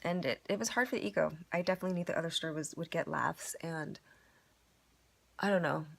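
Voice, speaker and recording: Woman thinking out loud, low voice with a bit of fry, casual and wandering. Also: fast. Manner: rambling, full of "like" and "you know", self-searching. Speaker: storyteller reflecting on a performance. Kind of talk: casual confessional monologue.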